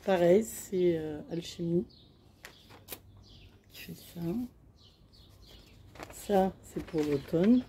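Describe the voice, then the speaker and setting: Unhurried chatty woman, mellow low voice. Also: slight background noise. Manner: chatty, hesitant, many fillers. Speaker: crafting vlogger. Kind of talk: casual show-and-tell haul. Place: outdoors in sunshine.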